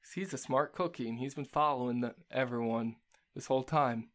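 Man, casual movie chat, detailed plot recap, middle pitch, animated. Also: a little fast. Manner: lively, recounts scenes in detail.

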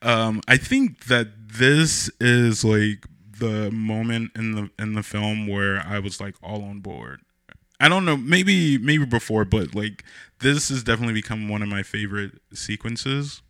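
A man co-hosting a casual film discussion podcast, talking in a halting way with many fillers and restarts. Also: fairly low pitch, sharp tone, clear, resonant tone, no echo, studio quality. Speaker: podcast co-host.

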